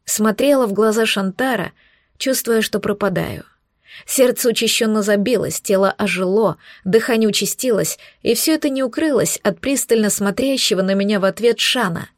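A woman narrating a fantasy audiobook in the first person with a lively, expressive reading. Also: mid-range voice, normal speed, dry recording, studio quality.

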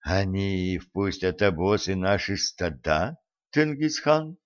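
A plain-spoken steppe nomad chief, as a male narrator voices him, a little lower and softer than the reader's own voice. He asks things simply in a storybook reading, on a somewhat dull lo-fi recording. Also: very animated, slow pace, no echo, heavily acted. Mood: puzzled. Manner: puzzled, plain.

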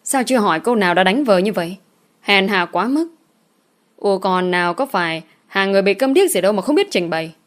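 A woman voicing a bold, sharp-tongued young village daughter in a storybook reading, blunt and cutting. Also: medium pitch, lively intonation, quick pace, close to an everyday voice. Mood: firm.

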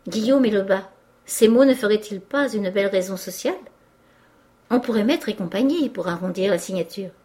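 A woman voicing a shrewd, exuberant old male cloth merchant who talks in a hearty, animated, lecturing way. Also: mid-range voice, normal speed, lightly acted.

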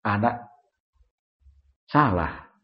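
This Islamic preacher speaks extremely slowly in a fairly low voice, yet his religious study lecture is animated, full of rhetorical questions aimed at those listening. The sound quality is lo-fi.

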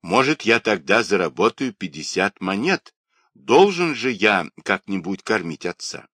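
A man's voice: on the low side, very animated, unhurried, fairly bright tone, dry recording, exaggerated voice. A man voicing a cheeky, poor young boy who hustles for coins, talking brashly and defiantly. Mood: wheedling. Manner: pleading, then brash and defiant.

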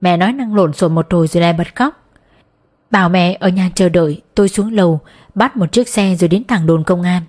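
A woman's voice: fairly low pitch, brisk, darkish tone. Woman narrating an audiobook. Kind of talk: scripted narration.

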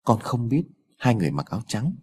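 A man's voice: medium pitch, big pitch swings, brisk, a little mellow, husky. A man voicing a frightened young girl in a spoken ghost story, sobbing and insisting on what she saw.

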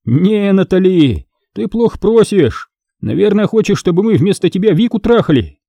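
A man playing a smug young student, sneering, condescending, lifted pitch, audiobook. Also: very animated, moderate pace, vocal fry, warm tone, no echo, full character voice. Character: arrogant mocking male student, power-drunk, giggling.

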